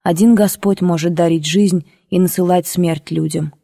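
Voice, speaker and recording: A woman voicing a gentle grey-haired old priest who speaks softly and consolingly. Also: on the low side, fairly even intonation, normal speed, vocal fry, no echo, clean studio sound, long reverb tail. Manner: soft and consoling.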